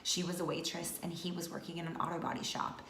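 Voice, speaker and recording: A woman's voice: fairly low pitch, level tone, fast, fairly bright tone. A woman in her thirties from North Georgia, chatting casually to camera as a vlogger with many fillers. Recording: echoey room with faint noise.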